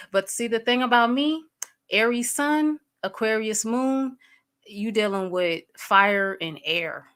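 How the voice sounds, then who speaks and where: A woman in her thirties hosts a casual livestream with a medium-pitched voice that's pushed and bright, clear and resonant. She addresses her chat directly, greets viewers by name, and stays blunt, fired up, and profane, with fillers throughout.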